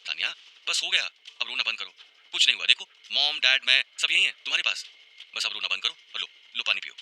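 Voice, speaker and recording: Brief: devoted young tough guy in an audio story, gentle and comforting, firm on vows, man doing it. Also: fairly low pitch, expressive, fast talker, a little hiss or hum. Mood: soothing. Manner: tender and reassuring, firm when vowing.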